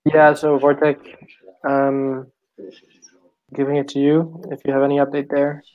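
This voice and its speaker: A man's voice: mid-range voice, monotone, unhurried, dry recording. A man leading an online team meeting, working through agenda items with short checks. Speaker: meeting facilitator. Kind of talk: casual meeting talk. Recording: dry, dull lo-fi call audio.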